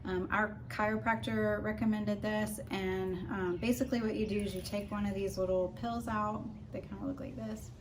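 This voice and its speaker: A woman talks in a casual, explanatory way, like a vlogger sharing advice with viewers. Her voice sits at an average pitch, and there is clear noise behind her. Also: little pitch movement, normal speed, hardly any pauses. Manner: conversational, informal, explanatory. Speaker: vlogger giving a personal recovery update. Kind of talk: casual chat to camera with practical tips.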